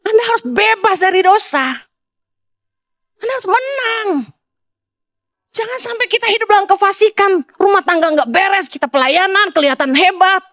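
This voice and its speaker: Woman pastor from Indonesia, high and animated voice, blunt conversational sermon. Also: normal speed, no echo, studio quality. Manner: blunt, conversational preaching with scolding asides.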